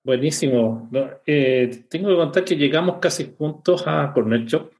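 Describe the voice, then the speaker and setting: A man hosting a podcast, talking in a relaxed, halting way with frequent restarts. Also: on the high side. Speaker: podcast host. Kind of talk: casual interview chat.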